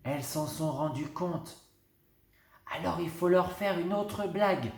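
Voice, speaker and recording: A bouncy, giggly little girl from a children's storybook, voiced by a man. Her voice sits high and swings widely, with a roomy echo around it. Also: sing-song, takes it slowly, heavily acted. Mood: whispering. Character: giggly little girl, playful best friend.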